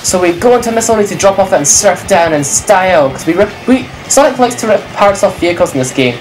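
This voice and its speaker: A woman's voice: mid-range voice, lively intonation, quick pace, rough recording. A woman casually commenting on a video game, rambling and correcting herself as she goes. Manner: rambling, self-correcting, chatty. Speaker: let's play commentator. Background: faint game music.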